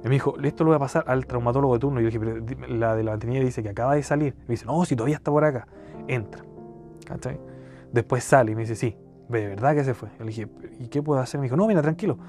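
Hombre chileno contando con jerga. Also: male voice, mid-range voice, fast, a little mellow, faint music behind. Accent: Chilean Spanish. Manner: rambling, slangy, keeps saying cachai. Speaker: podcast storyteller. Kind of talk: casual anecdote telling.

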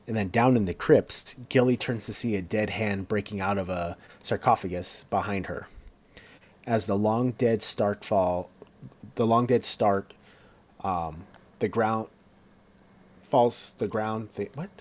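Male co-host with a lower voice, narrates the action scene by scene, stumbles and restarts. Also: slow. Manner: reads along with fillers and self-corrections. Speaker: co-host recapping a TV episode. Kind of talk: casual scene-by-scene recap.

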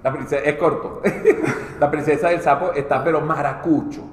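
A man with a Venezuelan accent, a comedian telling jokes on a live show, with halting starts. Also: fairly high pitch, steady tone. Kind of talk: joke telling. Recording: echoey hall with faint noise.

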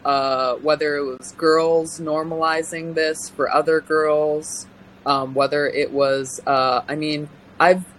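A young California woman with a deep voice speaks as an interview guest, offering personal testimony earnestly and haltingly, with many pauses and restarts. Her pitch barely moves and her tone is a bit bright. The audio is poor, carrying a little hiss or hum.

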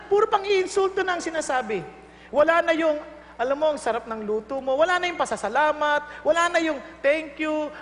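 A Filipino-accented woman preaches with a high voice and an easy, joking delivery, often laughing and slipping into other people's lines. Her voice rings with long reverb from a church hall. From Philippines. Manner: humorous, laughing, acts out quoted dialogue. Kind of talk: sermon in Tagalog and English. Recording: long reverb, faint ambient noise.

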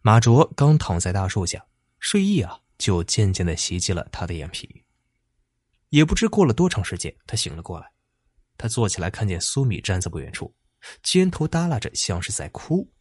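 A man's voice: fairly low pitch, very animated, normal speed, a little mellow, breathy edge, no room sound, clean studio sound. A man narrating a story dramatically, stretching out little particles between phrases.

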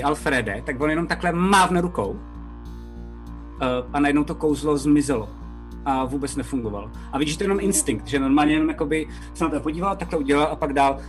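A man running a tabletop game as game master, narrating and voicing its characters in a lively way with many fillers and repeated words. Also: a little high. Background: background music.

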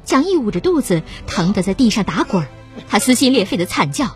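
Woman narrating a story, lively pitch. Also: fast talker, over music. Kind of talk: scripted narration.

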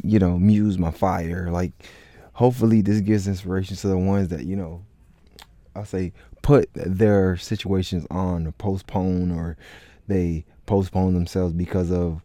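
A man's voice: low voice, mellow, no room sound. A man from Florida hosting a solo podcast, rambling casually with many filler words and restarts. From Florida, United States. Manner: rambling, heavy on "like, you know" fillers and restarts. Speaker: podcast host.

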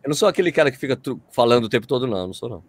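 A man's voice: medium pitch, lively intonation, rapid-fire, a loud crowd. A man with a Brazilian Portuguese accent chatting casually as a guest, telling stories in slangy everyday speech. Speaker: running video creator, interview guest. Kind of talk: casual chat.

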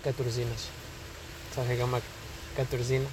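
A man's voice: medium pitch, flat delivery, fast talker, noisy background. A young man with a Portuguese accent, chatting casually as podcast co-host, joking in slang and acting out people in his stories. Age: young adult. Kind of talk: casual chat.

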